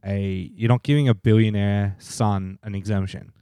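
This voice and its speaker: Clear, low-voiced Australian man explaining casually. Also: steady tone, normal speed, warm tone, no echo, studio quality. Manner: informal, sweary. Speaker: podcast co-host.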